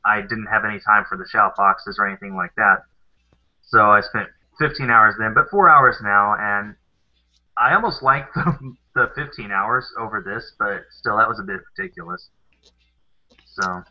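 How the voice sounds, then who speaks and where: A man's voice: lowish voice, normal speed. A man from the American South co-hosting a live stream, chatting casually and explaining things at length with many fillers. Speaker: co-host of a live stream show. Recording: dull lo-fi sound.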